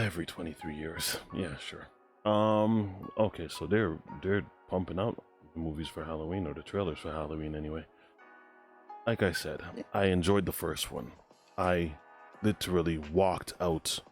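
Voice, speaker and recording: A man hosting a reaction video, talking casually and unscripted, telling stories informally and repeating points for emphasis. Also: low voice. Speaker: host of a trailer reaction video.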